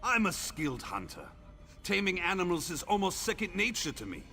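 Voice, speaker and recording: A man's voice: high voice, sing-song, a little fast, gravelly, sharp tone, full character voice. An actor playing a friendly, effusive male hunter who welcomes a newcomer like a big brother, in video game dialogue. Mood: storytelling. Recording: game audio with faint music.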